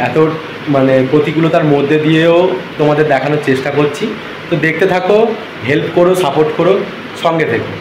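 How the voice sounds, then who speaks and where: A man's voice: a little high, steady tone, fast, echoey room, noisy background. A tired man talking casually to his viewers in a travel vlog. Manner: chatty, talks straight to viewers. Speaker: vlogger. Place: hotel and beach town, indoors and out.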